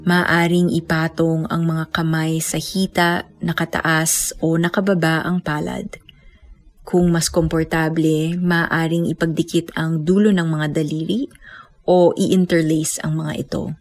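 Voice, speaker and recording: Low-pitched Filipino woman guiding meditation. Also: soft background music. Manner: calm, gentle instructing with unhurried pauses. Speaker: meditation teacher. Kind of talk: guided meditation.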